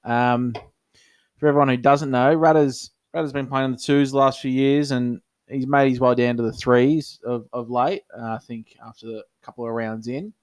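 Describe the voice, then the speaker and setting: A man co-hosting a podcast, talking in an easy, chatty way with plenty of fillers. His voice sits in a middle pitch. The sound is dry and close to the mic. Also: steady tone, normal speed, no echo. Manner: chatty, agreeable, casual with fillers. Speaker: podcast co-host. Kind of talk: casual chat.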